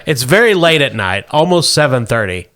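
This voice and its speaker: A man's voice: mid-range voice, big pitch swings, moderate pace, fairly bright tone. A man hosting and narrating a comic tabletop game as game master.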